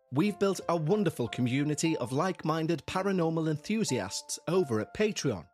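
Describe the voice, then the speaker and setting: A man hosting and narrating a scripted paranormal podcast in an ominous, late-night radio storyteller manner. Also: a little high. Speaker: podcast host. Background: music.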